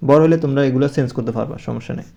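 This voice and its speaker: A man's voice: mid-range voice, racing, vocal fry, dark tone, highs cut off. A man giving a casual spoken English lesson to young pupils, repeating numbers patiently and often checking with "okay?".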